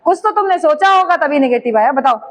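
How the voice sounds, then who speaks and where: Very high-voiced woman teacher coaxing students. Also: lively intonation, quick pace, poor audio. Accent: eastern Uttar Pradesh Hindi. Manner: coaxing, teasing questions to students. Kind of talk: classroom chemistry lesson. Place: classroom.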